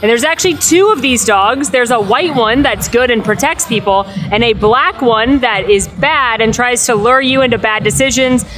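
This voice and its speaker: Chatty lady vlogger, kinda high voice, informal narration, music clearly behind her. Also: moderate pace, few pauses, a bit bright, rough recording. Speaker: vlog host. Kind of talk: casual vlog narration.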